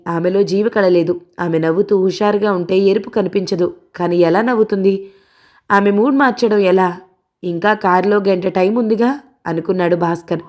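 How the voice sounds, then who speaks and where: A woman reads a novel aloud as an audiobook narrator. Her voice sits at a middle pitch for a woman. Her reading is steady and expressive.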